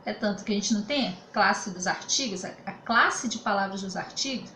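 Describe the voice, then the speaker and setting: A woman's voice: medium pitch, brisk, sharp tone. A Brazilian woman teacher giving a remote grammar lesson, explaining patiently and often checking that students follow. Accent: Brazilian Portuguese. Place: home room during quarantine. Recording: echoey room with faint ambient noise.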